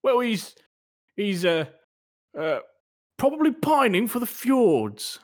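A man's voice: high-pitched, sing-song, slow pace, voice pushed up, heavily acted. A man voicing an evasive English pet shop owner, stammering and insisting in a put-on British accent.

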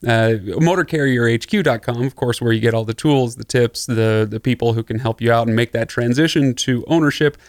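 A man's voice: mid-range voice, fairly quick, hardly any pauses, dry recording. Easygoing male podcast host, dry studio sound. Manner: joking, easygoing banter. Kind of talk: casual podcast chat.

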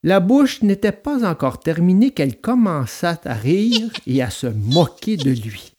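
A man narrating a children's storybook aloud in an expressive, dramatic read-aloud manner. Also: a little high, a little slow, slight background noise.

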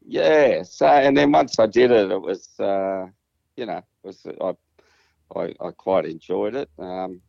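A man's voice: low-pitched, unhurried, gravelly, a little mellow. A man with an Australian accent chatting casually as a musician guest in an interview, hesitant, rambling and modest about himself. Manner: hesitant, rambling, self-deprecating. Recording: muffled, roomy sound.

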